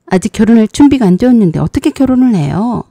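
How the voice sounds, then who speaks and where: A woman's voice: on the high side, expressive, fast, dark tone, no room sound. A woman voicing a proud, defensive younger sister in her forties in a storybook drama, with a sulky, insistent way of pleading.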